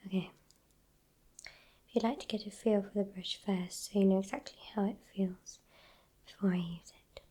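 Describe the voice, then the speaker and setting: A British woman doing a whispered role-play as a soothing healer, in a soft, breathy spa whisper, slow and reassuring. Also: medium pitch.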